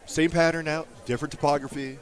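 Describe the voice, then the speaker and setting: A man's voice: on the high side, little pitch movement, fast. Man, stream commentator. Easygoing sideline interviewer who laughs and teases, at a bowling alley. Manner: laughs often, friendly teasing questions.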